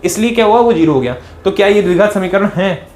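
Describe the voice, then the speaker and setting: Male maths teacher, slightly high, chatty and repetitive, echoey room. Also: quick pace, noisy background. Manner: chatty and repetitive, speaks directly to students, checks in often. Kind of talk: classroom lesson explaining step by step.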